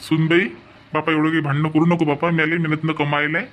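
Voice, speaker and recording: A man's voice: on the high side, little pitch movement, fast, a bit bright, close to an everyday voice. A man voicing an old village father in a cartoon, with a Varhadi Marathi accent and a fussy, placating manner. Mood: pleading. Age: older. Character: old village father, tired peacemaker of the family. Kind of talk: cartoon voice acting.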